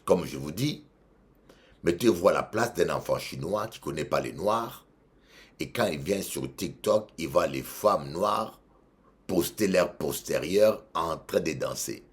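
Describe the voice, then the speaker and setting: A man with a Congolese French accent, a bishop preaching a sermon, emphatic and repeating phrases, swinging between loud and quiet. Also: low-pitched, animated, unhurried.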